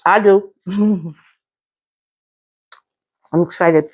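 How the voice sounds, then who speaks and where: A middle-aged American woman with a fairly low voice talks casually to her viewers during a meal. She speaks between bites while eating and savors the food with small mms. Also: extremely slow, darkish tone. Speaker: mukbang host.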